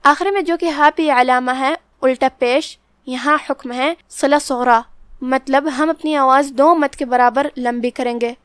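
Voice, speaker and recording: A woman's voice: high voice, steady tone, clean tone, dry recording, clean studio sound. A woman teaching Quran recitation step by step, methodically explaining each pronunciation rule.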